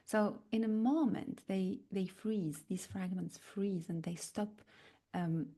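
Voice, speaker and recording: Woman from North Africa, spiritual teacher, mid-pitched, mellow tone, unhurried and searching delivery. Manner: slow and searching, with many fillers and pauses. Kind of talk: reflective spiritual talk.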